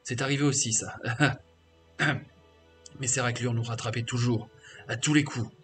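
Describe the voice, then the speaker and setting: A man's voice: mid-range voice, fairly even intonation, normal speed, fairly bright tone, natural voice. A man voicing a bitter, defiant male half-orc warrior mage who was once a slave, reading crude, scornful game dialogue aloud over faint game music.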